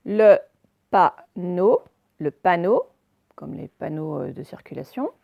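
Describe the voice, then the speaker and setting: A woman teacher giving a recorded phonics lesson for young children, saying words slowly and over-articulating them, with repetitions and fillers. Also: sits low, sing-song, vocal fry, mellow, breathy edge. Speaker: primary school teacher.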